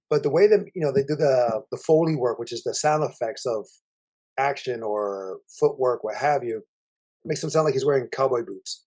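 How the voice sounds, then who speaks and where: Rambling, lively male film reviewer. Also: a little high. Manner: rambling, animated, many restarts. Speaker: podcast co-host. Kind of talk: casual film review chat.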